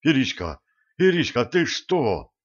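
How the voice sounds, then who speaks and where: A man's voice: medium pitch, big pitch swings, takes it slowly, pitched above the performer's own voice. A man voicing a flustered, helpless husband who babbles pleas to his wife, in a dull audiobook recording. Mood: pleading. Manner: babbling, pleading.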